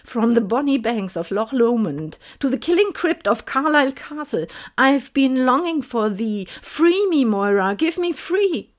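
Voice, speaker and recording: A woman doing a pleading Highlander ghost. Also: animated, a little slow, few pauses.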